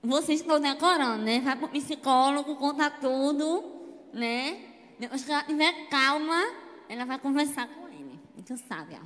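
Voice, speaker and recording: A woman's voice: sits high, animated, normal speed, a bit bright. A woman pastor, hosting a church game in a playful, teasing way. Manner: playful, teasing, calls people "minha linda". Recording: echoey church hall, faint noise.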